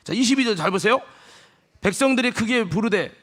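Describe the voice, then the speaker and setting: A high-voiced man preaches a Sunday sermon in a church, bringing the scripture alive by acting out each character's lines. He swings between loud calls to the congregation and quiet, close asides. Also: animated, brisk. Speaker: senior pastor. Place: church sanctuary.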